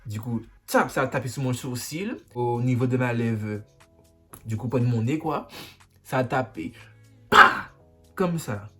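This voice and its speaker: Animated man telling a storytime. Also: medium pitch, moderate pace, soft background music. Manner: animated storytelling, dramatic sound effects. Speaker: vlogger. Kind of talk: storytime vlog.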